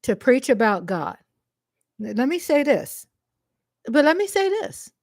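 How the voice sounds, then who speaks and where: Addressing her viewers head-on, a woman from Texas replies to a commenter with passion, hammering points by repeating phrases. Her high, slightly mellow voice is very animated but measured in pace, captured in echo-free studio audio.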